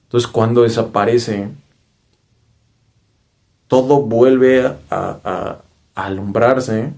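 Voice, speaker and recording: Here a man with a lowish, darkish voice and a Mexican Spanish accent shares a spiritual episode from his own life in an earnest monologue. He keeps checking that listeners are with him by using tag questions.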